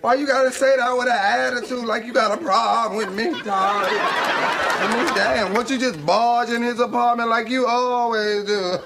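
A man playing a sassy, brassy loud woman. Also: very high voice, steady tone, normal speed, gravelly. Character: brash, flirty loud woman, big-haired neighbor. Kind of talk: sitcom acting. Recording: sitcom audience laughter, noisy.

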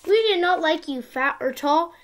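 High-pitched young girl reading to little kids. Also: moderate pace. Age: child, around ten. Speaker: young video channel host reading a picture book. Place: small indoor room at home.

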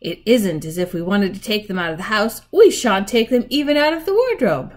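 A woman's voice: medium pitch, expressive, fairly quick, voice pushed up, natural voice. A woman voicing a sensible, fussy older sister in a storybook, prim and practical.

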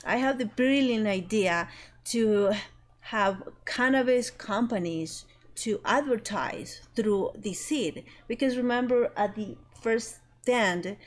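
A young Ecuadorian woman, appearing as a guest entrepreneur, chats casually in a small green-screen studio. Her voice is fairly high and slow, and she speaks carefully, searching for words.

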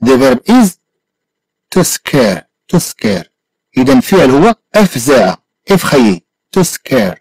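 Moroccan man teaching English slowly. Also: fairly high pitch, huge pitch swings, gravelly, a little mellow, breathy edge, no echo, low-quality recording. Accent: Moroccan Arabic. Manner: slow careful repetition of English phrases. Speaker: language teacher. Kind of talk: bilingual English lesson.

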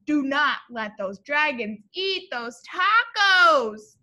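A young adult woman, a teacher, reads a picture book aloud to children in a classroom, her high, bright voice swinging widely in pitch. She goes slowly, exaggerating phrases expressively and addressing the young listeners directly in an animated way.

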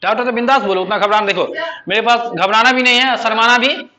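A man's voice: very high voice, fast talker, sharp tone. A young man with a Bihari Hindi accent, a spoken English teacher chatting casually and jokingly with his class. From Bihar, India.

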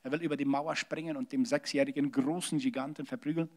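Male pastor, high-pitched voice, lively sermon delivery, loud then hushed. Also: fast. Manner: animated preaching with large swings in loudness, drops to hushed tones.

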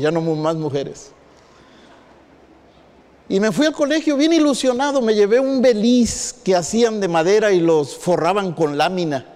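High-voiced pastor in a reverberant hall. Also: male voice. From northwestern Mexico. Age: 50s. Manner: animated storyteller acting out quotes. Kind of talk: sermon with personal storytelling.

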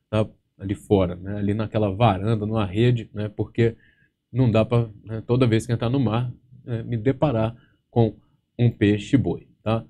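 Joking, profane Brazilian man with a dark voice. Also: on the low side. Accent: Brazilian Portuguese. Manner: profane, joking storyteller, constant tag words. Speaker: exam-prep teacher hosting a live Q&A. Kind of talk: casual live Q&A chat. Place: studio with green screen.

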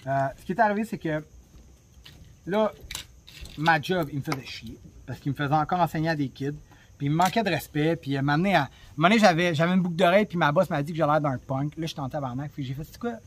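A man with a Québécois French accent hosts a travel podcast and tells his story in a chatty, blunt monologue packed with swearing. He talks fast in a fairly high voice. The phone recording carries a little hiss or hum.

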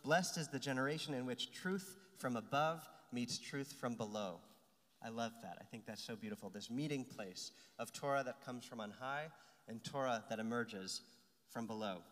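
A middle-aged man preaching a teaching sermon at a lectern microphone, his voice of ordinary pitch for a man. He reads passages and explains them, checking in with listeners. The sound rings with long reverb from a large sanctuary. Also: fairly bright tone. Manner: explains texts aloud, often asks "right?", some restarts. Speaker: rabbi. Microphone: lectern microphone, filmed by a far camera.

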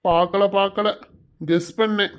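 A man's voice: high-pitched, steady tone, a little slow, clear, resonant tone. A man voicing a polite, teasing young groom-to-be with a southern Tamil Nadu accent. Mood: gentle.

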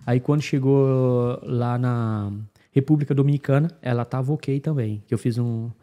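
A man's voice: medium pitch, steady tone, moderate pace, warm tone. A man with a Brazilian accent telling a story casually on a podcast, animatedly acting out the dialogue with the officials. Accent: Brazilian Portuguese. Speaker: guest telling his migration story.

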